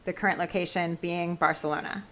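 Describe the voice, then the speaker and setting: A woman's voice: lowish voice, steady tone, a little fast, a bit bright. A woman hosting a video call interview, asking questions with friendly, encouraging remarks. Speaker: interview host.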